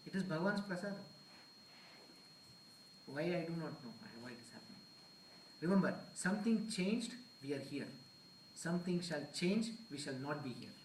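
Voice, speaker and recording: A man's voice: fairly high pitch, lively intonation, normal speed, long pauses, a little hiss or hum. A man giving an earnest discourse at a temple, mixing Hindi phrases into English. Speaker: temple speaker. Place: temple hall. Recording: echoey hall, mic far off.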